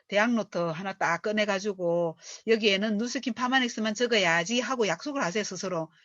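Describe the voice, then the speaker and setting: Lively woman lecturing on a book. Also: mid-range voice, no room sound. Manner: lively storyteller who acts out quoted speech. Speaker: business coach. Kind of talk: reading aloud and lecturing on a book. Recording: dull dry lo-fi recording.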